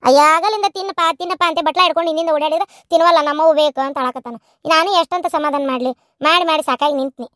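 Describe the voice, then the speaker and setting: A woman's voice: high voice, fast, a bit bright, dry recording. Cartoon daughter-in-law, woman voicing, weary, complaining, North Karnataka Kannada accent, dry. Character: tired young daughter-in-law, answering back. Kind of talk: cartoon voice acting.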